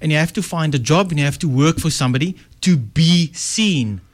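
The voice is a little high, animated and fairly quick. It belongs to a middle-aged Afrikaans South African man, a success strategist guesting on a casual interview, who tells his story in a chatty, reflective style full of self-corrections.

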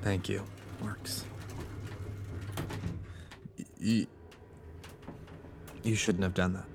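A man's voice: low voice, flat delivery, drawn-out words, creaky, in a large hall, background noise, exaggerated voice. Edward, a stammering, shaken man. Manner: stammering, agitated. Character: nervous, shaken male worker caught in danger. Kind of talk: video game voice acting.

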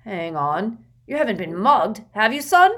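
A loud, gruff, blustering uncle, quick to temper, as a woman reader puts him on. The voice stays near the reader's own pitch but pushes hard with force, in a storybook reading. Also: very animated. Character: blustering, bad-tempered middle-aged uncle.

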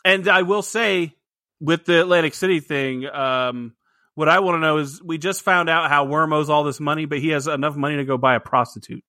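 Male podcast co-host, casual rambling chat, forceful bright tone, dry recording. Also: fairly high pitch, brisk, dry recording. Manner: chatty, laughs often, rambling restarts. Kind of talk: casual movie review chat.

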